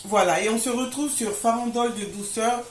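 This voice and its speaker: A fairly quick, higher-pitched woman hosts a relaxed baking tutorial from her home kitchen, talking to viewers as if they were friends and checking they're keeping up. The room is echoey, with a little background noise.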